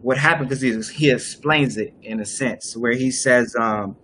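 A man's voice: medium pitch, moderate pace, bright, forceful tone, a little hiss or hum. A young man hosting a casual discussion on a live video call, explaining at length with many fillers and restarts. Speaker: host. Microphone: webcam on a video call.

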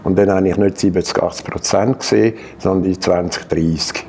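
A Genevan man in his sixties, a French speaker with a French-Swiss accent, tells his own story as a patient to camera, haltingly, with many hesitations and restarts. His deep voice is a little mellow with a breathy edge and fairly even intonation. He's indoors in a bright studio room.

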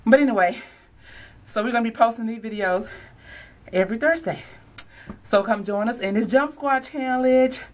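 A woman's voice: on the high side, moderate pace. A woman fitness vlogger at home, out of breath and panting after a workout, chatting folksily to her viewers. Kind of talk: casual vlog talk to viewers. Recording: distant mic, faint background noise.

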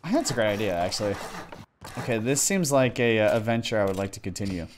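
A man giving rapid, lively gameplay callouts. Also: fairly low pitch, a little hiss or hum. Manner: rapid, urgent callouts, bursts into shouting. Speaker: streamer playing a survival shooter.

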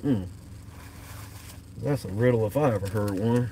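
A man in his thirties livestreams from a parked car at night into a phone on the dashboard, chatting casually in loose, profane, rambling talk. His fairly low voice is mellow and measured in pace, with a little hiss or hum.

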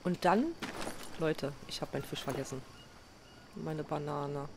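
Her voice sits low and steady, unhurried, as this woman narrates her own let's play of a survival game, crafting and chatting casually. She's a gaming video host who likes to tease herself, and the background is noisy.

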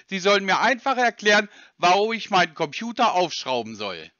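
A man's voice: high-pitched, very animated, brisk, bright, forceful tone, no room sound, dull audio, full character voice. Guy playing a stubborn confused computer user, keeps asking why, dry close sound. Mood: stubbornly puzzled. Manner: feigns confusion, stubborn repeated questions. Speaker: scam-baiting caller. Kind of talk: prank call, playing dumb.

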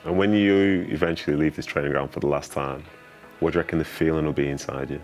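A man's voice: extremely low pitch, fairly even intonation, quick pace, a little mellow, faint music behind. A man, conducting a conversational sit-down interview. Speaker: interviewer and former player. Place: indoor studio on a sofa.

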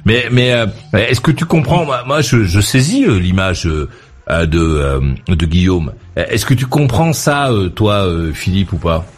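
A man's voice: lowish voice, unhurried, breathy edge, soft background music. A man hosting a late-night call-in radio show, chatting in a rambling, stammering way with chuckling asides. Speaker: radio host. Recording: radio studio mic.

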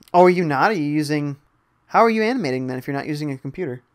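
A man's voice: fairly high pitch, lively intonation, fast. A young man casually commentating a live game stream, reading viewer chat aloud and reacting to the gameplay. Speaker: gaming streamer.

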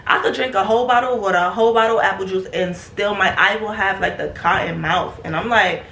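A woman's voice: mid-range voice, fast, gravelly, roomy sound. A young woman telling a casual, profane storytime about her pregnancy to her viewers. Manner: slangy, profane, animated, breaks into laughter. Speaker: vlogger.

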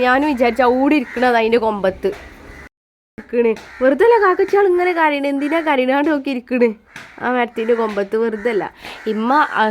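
A woman in her thirties talks to her viewers in a high, easy voice. She keeps up a chatty stream of remarks and tags each one with a soft aside, as in a casual family vlog. A faint hiss sits under the recording. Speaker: family vlogger.

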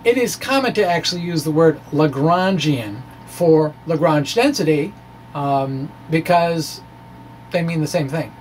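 A science blogger and presenter with a fairly high-pitched voice gives a slow, deliberate, theatrical reading of a physics blog, explaining as he goes. He speaks into a microphone on a stand in front of him, in a small indoor room with bookshelves, and the recording has clear, steady background noise.

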